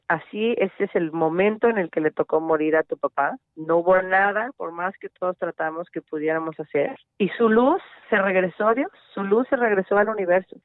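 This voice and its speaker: A woman's voice: mid-range voice, dry recording. A woman, a mother talking earnestly as a radio interview guest, often restarting her sentences. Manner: earnest, reflective, many restarts. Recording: tinny phone line, dry.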